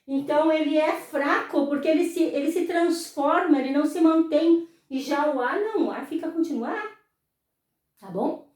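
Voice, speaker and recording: A woman teacher with a Brazilian Portuguese accent, explaining slowly, drawing words out and answering her own questions. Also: high voice, a little mellow. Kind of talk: slow explanatory lesson. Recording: very echoey room, voice far from mic.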